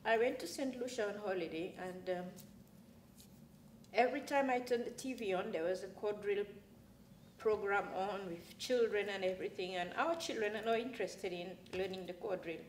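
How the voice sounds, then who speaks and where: An older woman speaks with earnest feeling about her dancing. Her voice sits at a middle pitch. It is caught from across a roomy studio, with a faint hiss. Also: normal speed, distant mic. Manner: earnest, heartfelt. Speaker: quadrille dancer. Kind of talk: interview answers. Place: small studio with plain backdrop.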